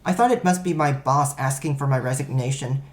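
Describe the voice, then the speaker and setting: A man's voice: medium pitch, fairly quick. A man reading a first-person story aloud, in a wry, self-mocking storytelling manner. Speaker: narrator.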